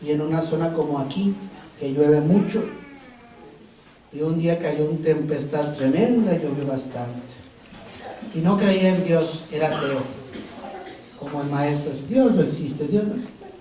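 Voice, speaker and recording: A man, a priest giving a retreat sermon with animated storytelling and rhetorical questions. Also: on the high side, a little slow, long pauses. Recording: distant mic, strong hall echo, faint noise.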